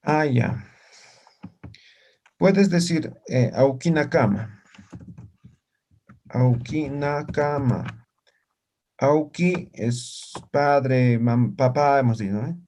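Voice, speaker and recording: Patient male teacher, mellow voice. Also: mid-range voice, a little hiss or hum. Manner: patient, spells out words slowly, asks "¿no ve?" often. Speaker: language teacher. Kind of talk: live online class.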